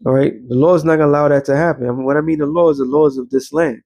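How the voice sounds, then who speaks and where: This blunt, profane preacher and show host races along in a slightly high, gravelly, somewhat mellow voice with fairly even intonation. His informal street sermon mixes scripture reading with commentary, full of rhetorical questions and teacher-like check-ins.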